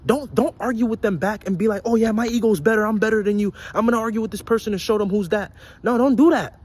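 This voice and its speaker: Young dude ranting to camera, kinda high voice, bit raspy, cussing and preaching, repeats himself a lot. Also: male voice, fast talker, darkish tone. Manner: blunt, profane, preachy, lots of repetition. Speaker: vlogger. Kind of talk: casual motivational rant.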